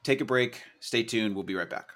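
A man's voice: medium pitch, moderate pace, fairly bright tone. A man hosting a sports podcast in a casual way. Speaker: podcast host.

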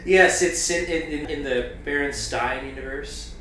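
A man's voice: fairly high pitch, moderate pace, noisy background. A man co-hosting a casual movie-review podcast, joking and laughing often. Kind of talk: casual chat. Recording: echoey room.

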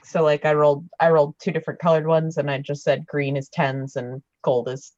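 A woman's voice: deep voice, level tone, brisk, darkish tone, no echo, lo-fi sound. A woman playing a tabletop game, bantering casually with a dry, sarcastic manner.

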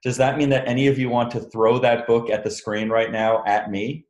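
A man, an author, chatting casually with a book club over a video call, relaxed and quick to laugh. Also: mid-range voice, roomy sound. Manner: relaxed, chatty, laughs easily, many fillers.

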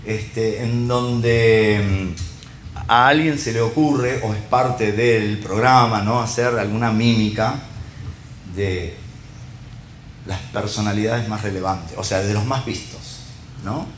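A man's voice: on the low side, takes it slowly, roomy sound, slight background noise. A middle-aged man with a Rioplatense Spanish accent giving a conversational sermon, tossing rhetorical questions and little check-ins at his listeners.

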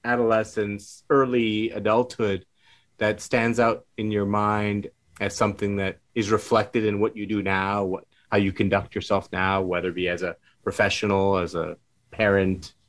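A man hosting a podcast interview, who asks questions in a warm, enthusiastic way and often repeats himself. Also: fairly low pitch, flat delivery, normal speed. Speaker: podcast host. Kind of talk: interview conversation.

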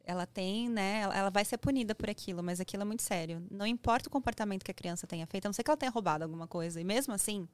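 A woman's voice: medium pitch, racing, hardly any pauses, clean tone, no room sound. A woman with a Brazilian Portuguese accent, speaking emphatically as a parenting guest on a podcast. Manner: emphatic, animated, acts out dialogue. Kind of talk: podcast conversation. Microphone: studio podcast mic.

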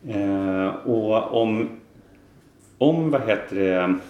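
A man from Gothenburg with a softened Gothenburg accent, chatting and explaining at length as a podcast co-host, with lots of fillers. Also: fairly low pitch, roomy sound, highs cut off. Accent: Gothenburg Swedish, softened. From Gothenburg, Sweden. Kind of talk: casual chat.

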